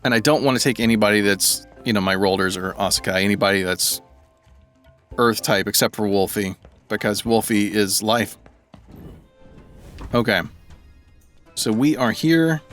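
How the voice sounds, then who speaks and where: A man's voice: fairly low pitch, a little slow, pauses often, a bit bright, soft background music. A man giving casual let's-play commentary, thinking aloud and rambling as he plays. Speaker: gaming video creator.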